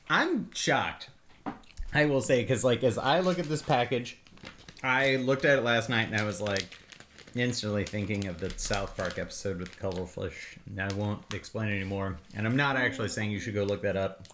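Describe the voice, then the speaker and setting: A man's voice: fairly low pitch, moderate pace, fairly bright tone, slight background noise. A middle-aged man hosting a casual snack-tasting video with his kids, chatty and upbeat, laughing often and coaxing them along.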